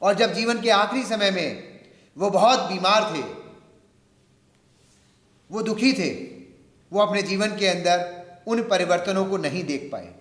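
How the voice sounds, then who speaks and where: A man's voice: high voice, a little slow, pauses often, fairly bright tone. Man lecturing in an echoey hall. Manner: earnest, emphatic, rhetorical repetition; mixes in English phrases. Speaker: speaker at a university lecture. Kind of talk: public lecture speech.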